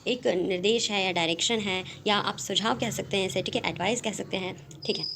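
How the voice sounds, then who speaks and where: A woman teaching English grammar in Hindi from slides, explaining each term and then reading out English examples slowly, with frequent "theek hai" and "okay" check-ins. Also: mid-range voice, gravelly, a bit bright, a little hiss or hum.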